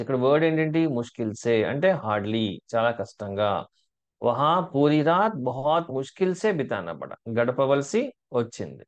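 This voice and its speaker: A man teaching a spoken language lesson, who repeats each phrase and coaxes viewers to say it aloud. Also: mid-range voice. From India. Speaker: Hindi teacher.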